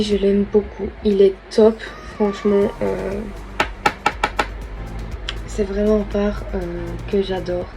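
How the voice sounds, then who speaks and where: A woman's voice: medium pitch, low-quality recording. A young woman, chatting casually through a makeup tutorial and thinking aloud as she works. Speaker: beauty vlogger.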